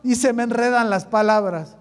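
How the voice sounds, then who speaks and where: A man doing a high, stammering, fearful Moses. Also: normal speed. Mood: pleading. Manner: pleading, stammering. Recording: echoey hall reverb.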